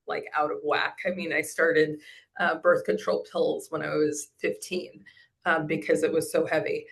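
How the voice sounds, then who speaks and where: A woman in her forties giving a testimonial in a casual interview, rambling with many fillers and restarts. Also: lowish voice. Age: 40s. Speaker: program client giving a testimonial.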